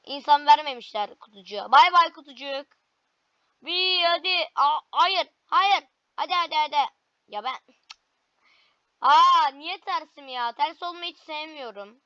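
A woman commentating her own gameplay, excitable, with frequent frustrated cries and cheers. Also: high voice, a little slow, no room sound, muffled recording. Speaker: gaming video creator.

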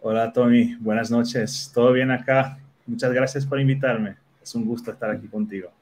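A man in his thirties, born in the Netherlands and a native Portuguese speaker, answers questions thoughtfully in a casual video-call interview from a small home office, using many fillers. His medium-pitched voice is fairly even, a little mellow, and moves at a normal speed. A slight hiss or hum is audible.

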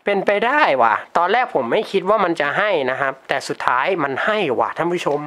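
A man's voice: on the high side, very animated, quick pace, bright, forceful tone. A teenage boy talking casually and chattily in a prank vlog, laughing often and using slang. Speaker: YouTuber prank caller. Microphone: desktop computer mic.

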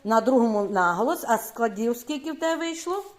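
A woman teaching a classroom of young children, questioning quickly and praising often. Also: a little high, animated, slight background noise. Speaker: primary school teacher.

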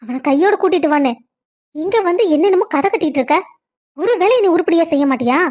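Woman playing a mean scheming stepmom in a cartoon, high voice, always bossing and scolding. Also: expressive, fast talker, darkish tone. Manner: bossy, scolding. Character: scheming stern stepmother, middle-aged.

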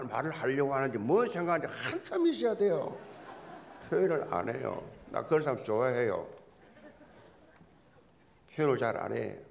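A male pastor delivers a sermon in a gravelly voice that rises and falls a great deal. He talks like a folksy storyteller and jokes with the congregation. He often repeats his key words to drive a point home. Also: mid-range voice.

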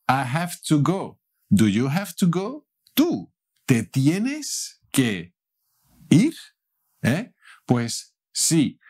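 A man's voice: fairly high pitch, darkish tone. A man from Spain with a Spanish accent, teaching Spanish phrases in a playful, casual way and switching between Spanish and English. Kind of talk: casual language lesson.

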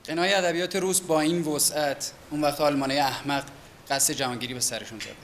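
Pointed, assertive salon guest; slightly high voice. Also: male voice, fairly even intonation, a bit bright, a little hiss or hum. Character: opinionated man at a salon, provocative. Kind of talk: period TV drama acting.

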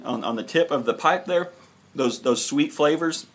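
A man in his thirties giving a casual, hesitant, relaxed review to camera as a host, with frequent pauses. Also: a little high. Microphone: camera at arm's length.

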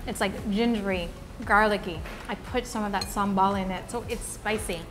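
A woman's voice: medium pitch, steady tone, normal speed, over music. A woman food vlogger chewing while she talks, savoring and describing food with enthusiasm. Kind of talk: casual food tour vlog.

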